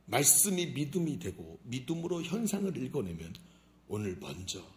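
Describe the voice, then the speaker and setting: A middle-aged male pastor preaching a sermon, acting out the voices of God and of believers, and swinging from loud to hushed. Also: medium pitch, big pitch swings, normal speed.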